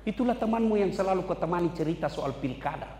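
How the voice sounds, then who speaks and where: A man preaching a sermon, animated, swinging between loud and hushed. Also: high voice, quick pace, slight background noise. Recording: echoey hall with faint ambience.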